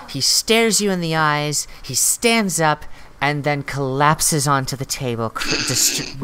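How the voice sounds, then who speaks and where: A woman's voice: deep voice, fairly bright tone, a little hiss or hum. A woman running a tabletop game as game master, narrating events informally and reacting to dice rolls.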